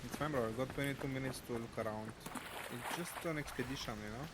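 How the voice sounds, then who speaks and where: A young man chatting casually while playing a game with a friend, relaxed and calling everyone "bro". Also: medium pitch, fast, heavy background noise. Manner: laid-back, says "bro" a lot. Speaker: gaming partner. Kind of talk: casual gaming chat.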